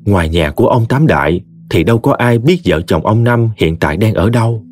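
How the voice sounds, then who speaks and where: Man, Southern Vietnamese accent, audiobook narration, low husky voice, dry sound. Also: a little fast, faint music behind. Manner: expressive, folksy. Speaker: storyteller.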